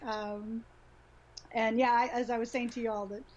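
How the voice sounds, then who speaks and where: A middle-aged woman from Honduras speaks as a podcast guest over a video call. Her voice sits a bit high, and the audio is muffled and lo-fi. She talks reflectively with easy restarts and soft laughs. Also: little pitch movement, normal speed. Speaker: guest, sexuality educator. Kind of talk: casual interview talk.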